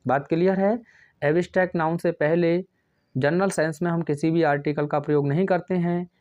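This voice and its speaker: A man teaching a grammar class, his voice sitting somewhat high. He keeps asking questions and answering them himself, and he slows right down to dictate example sentences. The recording is dull and lo-fi, with a dry, close sound. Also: darkish tone, no room sound. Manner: asks questions and answers them himself, calls students friends; dictates English sentences very slowly.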